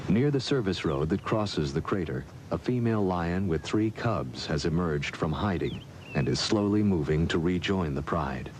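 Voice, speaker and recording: Low deep male voice doing measured nature documentary narration, noisy track w rumble behind it. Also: animated, darkish tone.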